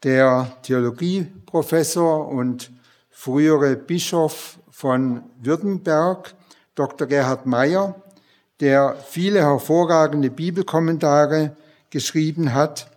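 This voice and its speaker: A man preaching a sermon and reading a long Bible passage aloud in a slow, measured way. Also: on the high side, darkish tone.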